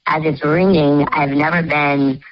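A man's voice: on the high side, steady tone, unhurried, crowd noise. A man calling in over the phone, his voice disguised by a voice changer, candidly telling a sheepish confession. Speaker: anonymous caller. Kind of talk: casual confession to radio hosts. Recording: dull phone line.

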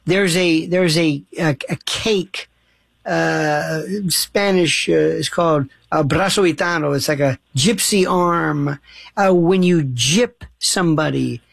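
A man's voice: a little high, takes it slowly, vocal fry, no room sound. Male talk-radio host: eager, probing questioner, casual restarts, dry close studio sound.

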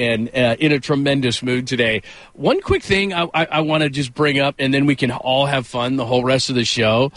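A man with a slightly bright, mid-range voice hosts a casual sports talk radio show on a close studio microphone, and the recording is dry. He rambles conversationally through stories and throws in self-deprecating asides.

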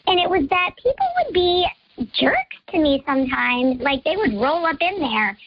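Woman, voice changer, very high morphed pitch, dull muffled sound, dry. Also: sing-song, normal speed, no room sound. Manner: playful, storytelling, laughs at her own pranks. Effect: voice changer shifting her voice higher and childlike. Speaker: guest confessing a story. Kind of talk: casual chat.

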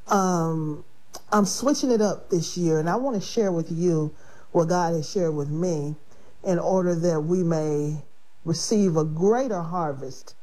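Heard over poor audio, a woman with a fairly low-pitched voice runs a radio show and pitches life insurance. Her casual talk is warm and chatty, punctuated by laughs and gratitude, and her sinuses give it a nasal quality.

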